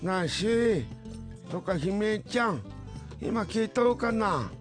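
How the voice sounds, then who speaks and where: A man's voice: high-pitched, expressive, slow pace, music in the background. Teasing man with thick Kumamoto dialect. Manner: gruff teasing, heavy dialect. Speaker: radio co-host. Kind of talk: casual radio chat.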